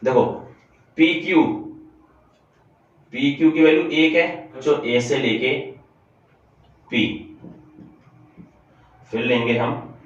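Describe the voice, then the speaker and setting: A male math teacher explains problems step by step to his class and keeps repeating the key points. His mid-pitched voice comes from far off in a very echoey room. The recording is dull and lo-fi. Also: takes it slowly, pauses often. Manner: repetitive, addresses students often, walks through steps aloud. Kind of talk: classroom-style lesson solving board problems.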